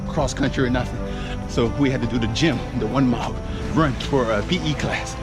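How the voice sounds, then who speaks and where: Fairly quick and medium-pitched, this American man in his forties is a running vlogger chatting casually on a run. He's laid-back and tends to ramble as he jogs outdoors. A handheld action camera records him, with music in the background.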